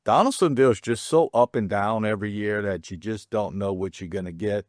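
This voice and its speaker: Chatty, low-voiced man hosting a sports show. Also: fairly quick, no echo, studio quality. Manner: rambling, chatty, restarts with self-deprecating jokes. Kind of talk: casual sports talk.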